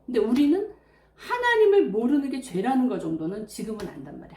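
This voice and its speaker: A woman's voice: high-pitched, darkish tone. A woman preaching a sermon in an earnest, reflective way, sharing personal testimony. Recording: echoey room.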